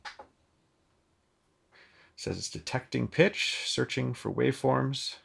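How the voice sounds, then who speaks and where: A man shows off a synth in an easygoing, chatty way, loosely phrased and full of filler ums, through a microphone plugged into the instrument. His mid-range voice is slow, a bit bright, with vocal fry and a breathy edge.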